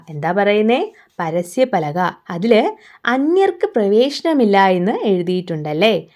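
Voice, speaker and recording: A woman's voice: fairly high pitch, a little mellow. A young woman teacher explaining a workbook story to small children, asking questions and answering them herself.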